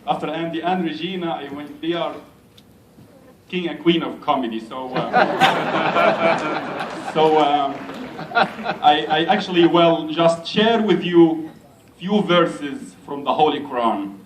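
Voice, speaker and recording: A man from Egypt, an imam giving an unhurried, gently self-mocking speech to a community gathering in a large hall. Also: on the high side, background noise. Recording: echoey hall, mic at a distance.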